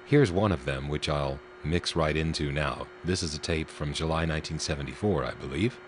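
A man's voice: a bass voice, moderate pace, background noise. A man giving precise, technical explanatory narration as he introduces archival recordings. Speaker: narrator of telephone history recordings.

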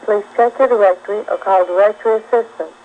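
Woman, recorded phone intercept announcement, measured formal read, tinny line, faint hiss. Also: medium pitch. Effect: recorded phone intercept message. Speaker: telephone company recording.

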